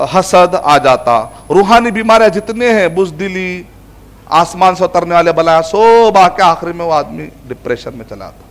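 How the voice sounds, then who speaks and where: A man teaching a religious lesson in an explanatory way. His voice sits fairly high for a man. He slips English words and recited Arabic verses into his explanations. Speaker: Islamic scholar teaching Quran. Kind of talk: religious lecture.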